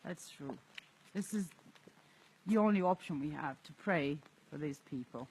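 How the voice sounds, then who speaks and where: Soft spoken guy streaming live outside, thoughtful, second-language english. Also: on the high side, unhurried, breathy edge. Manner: soft-spoken, reflective, laughs often. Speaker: livestream host. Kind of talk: casual livestream vlog. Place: outdoors in an abandoned area.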